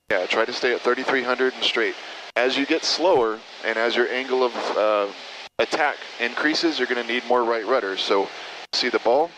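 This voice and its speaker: An American man giving patient, encouraging hands-on flight instruction, often repeating his instructions. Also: mid-range voice. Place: inside a small airplane in flight. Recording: noisy small-plane cockpit intercom. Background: engine noise, radio chatter.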